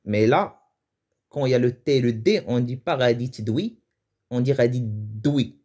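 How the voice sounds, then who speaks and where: A man's voice: medium pitch, normal speed, darkish tone. Man teaching, hesitant and chatty. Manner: hesitant, thinks aloud with restarts and chuckles. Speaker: Moroccan Arabic teacher. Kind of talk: casual explanatory lesson.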